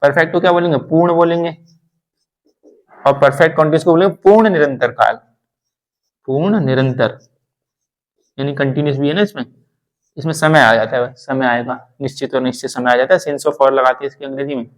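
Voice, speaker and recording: A man's voice: medium pitch, brisk, long pauses, poor audio. A man teaching English grammar in a classroom lesson, repeating terms and reassuring learners. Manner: repetitive, reassuring explanations.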